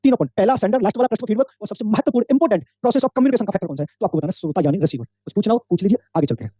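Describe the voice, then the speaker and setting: A man's voice: high-pitched, animated, very fast, dark tone, breathy edge, no echo. A male teacher giving an online exam-prep lecture, explaining step by step, repeating key points and quizzing his students. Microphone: microphone.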